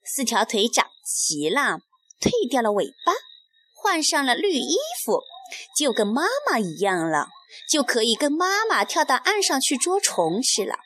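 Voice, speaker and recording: A woman voicing a gentle, kindly mother frog in a children's story, in a soft, lower, reassuring voice. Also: very animated, measured pace, slight background noise. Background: music.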